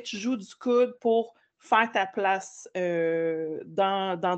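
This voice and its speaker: A woman with a Québécois French accent hosting a podcast, chatting casually and affirming her guest often. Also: medium pitch. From Quebec. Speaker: podcast host. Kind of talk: casual interview chat.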